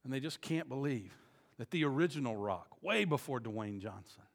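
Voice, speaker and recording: A man preaching a sermon, moving between quiet reflective passages and loud, emphatic peaks, often repeating words as he stresses a point. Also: mid-range voice, lively intonation, moderate pace, vocal fry. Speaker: pastor.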